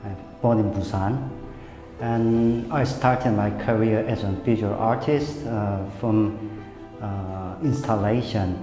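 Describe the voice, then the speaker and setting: Man artist, hesitant, low, echoey hall, music behind. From South Korea. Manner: hesitant, with fillers. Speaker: visual artist. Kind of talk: documentary interview.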